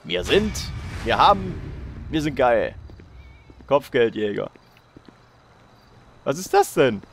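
A man's voice: mid-range voice, sing-song, slow pace, vocal fry. A young man hosting a let's play, joking and swearing in casual commentary while talking to his viewers.

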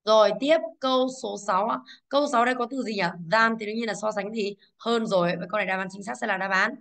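A young woman teaching English to a class, going briskly through exam answers and asking the students over and over whether they follow. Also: medium pitch, fairly even intonation, creaky, fairly bright tone. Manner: brisk, scolding, checks understanding with rhetorical questions.

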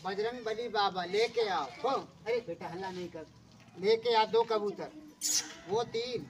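A man performing as a street magician and snake showman, loudly coaxing the onlookers, giving orders and calling for claps. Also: high voice, a little slow, dull audio, a little hiss or hum. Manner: loud, coaxing showman who keeps ordering the crowd to clap. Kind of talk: street show patter. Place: village street, outdoors. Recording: far from the mic, loud crowd around. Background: loud crowd of onlookers.

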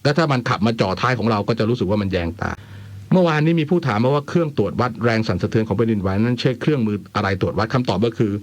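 A man's voice: mid-range voice, expressive, racing, no echo. A man hosting a radio programme in an informal way, with wry asides, as he chats and reads. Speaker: radio host. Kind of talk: radio phone-in chat and letter reading. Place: dry radio studio.

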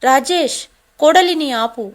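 A woman's voice: high voice, a little slow. A woman voicing a stern, protective elderly father in a storybook drama. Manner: stern, scolding.

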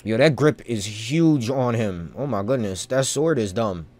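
A male video game streamer gives casual live commentary at a middling pitch, talking in loose slang. He thinks out loud and wanders from one thought to the next, with lively intonation and an unhurried pace.

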